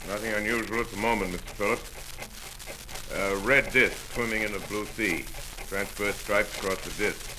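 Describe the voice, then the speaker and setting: An actor playing a measured, skeptical middle-aged astronomer in a 1930s radio drama. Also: male voice, on the low side, fairly even intonation, close to an everyday voice. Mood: calm. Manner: measured, dry, dismissive. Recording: noisy old 1930s radio broadcast.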